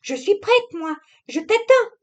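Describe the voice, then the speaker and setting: Woman voicing Camille, a shrill furious young wife. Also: very animated, slow pace, muffled recording, full character voice. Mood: tense. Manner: shrill, shouting, high and strained. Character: young wife, sharp-tongued, quick to anger.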